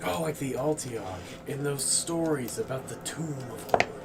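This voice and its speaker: A man's voice: medium pitch, normal speed, over loud music. A man chatting casually as a player in a tabletop role-playing game. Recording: loud chatter behind the voice.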